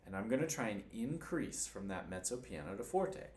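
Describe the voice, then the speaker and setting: A man's voice: fairly low pitch, lively intonation, normal speed. A man teaching cello in a patient, encouraging way, counting beats aloud as he demonstrates. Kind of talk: instructional demonstration. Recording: roomy room with faint noise.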